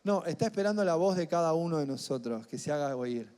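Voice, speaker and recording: High-voiced Argentine pastor preaching. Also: male voice, expressive, fairly quick, smooth. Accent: Rioplatense Spanish. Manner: emphatic, rising to near-shouts on key phrases. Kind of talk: sermon. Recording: echoey hall with faint music.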